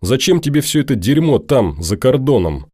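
A man's voice: medium pitch, very animated, moderate pace, darkish tone, breathy edge, no room sound, studio quality, voice pushed up. A man voicing a young woman stalker who pleads and scolds insistently, his voice lifted a few notes above his own. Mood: angry.

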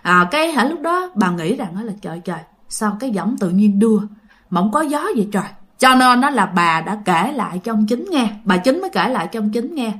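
A woman's voice: medium pitch, sing-song, brisk, fairly bright tone. A woman telling ghost stories in a casual, chatty way, often speaking straight to her listeners. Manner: chatty, addresses listeners directly. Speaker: storyteller.

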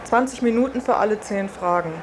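A woman with a medium-pitched voice speaks a little fast, giving an informal first-person account of her own experiences. She is a reporter who also took part as a test participant, and faint background ambience and noise can be heard.

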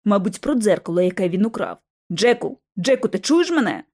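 A woman voicing an impatient young male ghost-hunter leader in an audiobook, speaking in brisk, commanding orders. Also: mid-range voice, sing-song, a little mellow. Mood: intent.

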